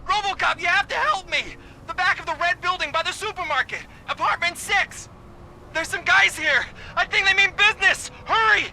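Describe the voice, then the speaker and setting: A man's voice: very high-pitched, very animated, pushed and bright, a little hiss or hum, heavily acted, poor audio. An actor voicing a jumpy, rude small-time male drug dealer in a video game. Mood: panicked. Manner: jumpy, rude, quick to panic.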